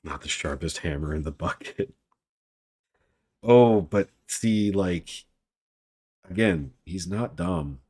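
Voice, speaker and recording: A man reads a novel aloud to his stream audience, pausing for relaxed, chatty asides. His voice is low and slightly husky, and he takes his time. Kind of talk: live-stream book reading with casual asides.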